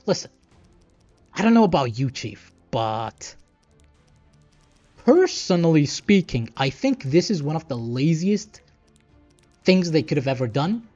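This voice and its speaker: A man's voice: a little high, sing-song, a little slow, pauses often, darkish tone. A man doing casual game commentary, thinking aloud and muttering asides as he plays. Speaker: gaming streamer. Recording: dull lo-fi sound, music behind. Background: game music.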